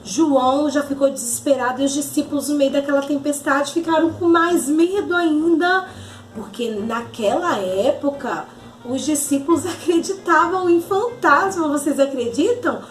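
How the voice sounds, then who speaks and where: A woman teaching a children's Bible lesson, speaking in an animated, affectionate way and addressing the children directly. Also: high-pitched, normal speed, echoey room, faint music behind. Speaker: children's Sunday school teacher.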